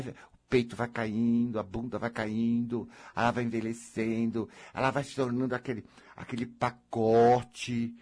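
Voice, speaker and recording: A man's voice: medium pitch, breathy edge. A man with a Brazilian accent giving a blunt, theatrical, scolding talk as a counselor, now and then mocking whiny voices. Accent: Brazilian Portuguese. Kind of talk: blunt motivational monologue.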